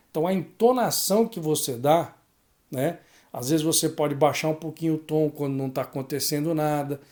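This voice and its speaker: A man's voice: a little high, a little mellow. A man from Brazil, a sports narration teacher, giving a casual spoken lesson and checking in with the listener through frequent tag questions.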